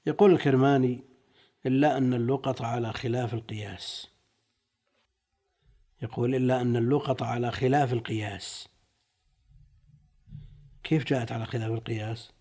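A male sheikh gives a classical lesson, reading passages aloud and explaining them word by word. His voice is mellow and soft-edged, sitting at an ordinary middle pitch for a man. He draws out key words as he unpacks them. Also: fairly even intonation. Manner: deliberate, stretches key words while explaining. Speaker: sheikh teaching a text.

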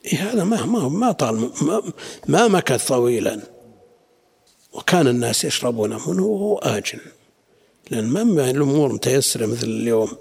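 Middle-aged sheikh, explanatory classroom teacher, gravelly with a rough husky edge. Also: male voice, medium pitch, very animated, fairly quick. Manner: explanatory, questions students, quiet asides. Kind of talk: classroom lesson explaining a text.

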